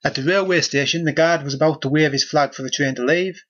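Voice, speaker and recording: A man's voice: fairly high pitch, fast talker, a bit bright, dull audio. A man reading a children's book aloud, breaking off for sardonic, mock-outraged comic asides.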